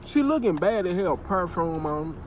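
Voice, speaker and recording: A man's voice: high voice, expressive, normal speed. Young man talking while chewing. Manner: loose, rambling slang storytelling. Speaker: vlogger. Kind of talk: casual storytime while eating. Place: inside a parked car. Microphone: phone held in the car. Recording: phone recording in a car with street noise. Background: street and traffic noise.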